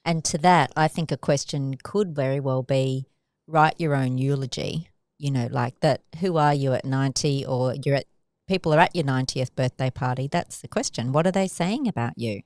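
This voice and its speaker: A woman in a casual podcast conversation, thoughtful and quick to agree with the others. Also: very deep voice, a little mellow, dry recording, studio quality.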